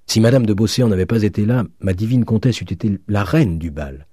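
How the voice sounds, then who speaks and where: A male narrator voicing an eager, excitable young law student in an audiobook. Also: lowish voice, fairly quick, no echo, clean studio sound, natural voice. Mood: excited. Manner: breathless and enthusiastic. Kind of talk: audiobook reading.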